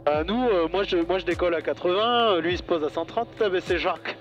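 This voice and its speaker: A man's voice: high voice, fast talker, dull audio. A man heard over a pilot headset, chatting casually and calling out checks as he flies. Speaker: pilot of a microlight plane. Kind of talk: casual cockpit chat and checklist callouts. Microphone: aviation headset. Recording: pilot headset intercom, music behind.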